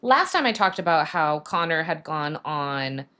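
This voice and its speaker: Woman, lowish voice, casual livestream chat, animated, gushing fan talk. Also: measured pace, clear, resonant tone. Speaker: podcast co-host. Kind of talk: casual chat while crafting.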